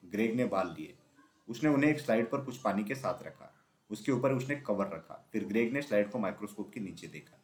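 A man's voice: on the low side, fairly quick. Man reading a children's story aloud. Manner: steady, drops voice on dialogue tags. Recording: roomy echo.

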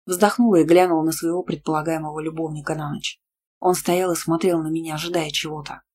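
A woman narrating a first-person novel as an audiobook, lively, sarcastic and emphatic. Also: sits low, fast talker, slight background noise. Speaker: audiobook reader.

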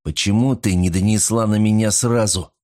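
A man's voice: on the low side, fairly even intonation, moderate pace, dark tone, natural voice. A desperate card cheat, as a male narrator puts him on. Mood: desperate pleading. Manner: desperate, protesting.

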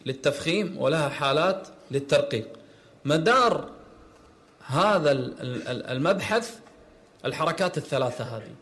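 A man teaching Quran recitation rules, patiently repeating words and correcting their pronunciation. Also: a little high.

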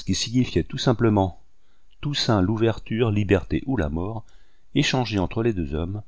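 Male audiobook narrator, measured and low-pitched, dry studio sound. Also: darkish tone, no room sound. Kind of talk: scripted narration.

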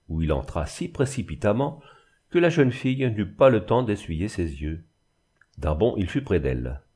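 A man giving a measured, expressive scripted narration of a classic novel as an audiobook reader. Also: fairly low pitch, slightly rough.

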